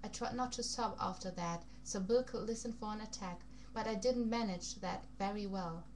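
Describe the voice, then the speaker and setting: A woman's voice: medium pitch, moderate pace, a little mellow. A woman reading a novel aloud in a put-on, funny foreign accent, stumbling over words now and then and rereading phrases. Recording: noisy recording with background hum.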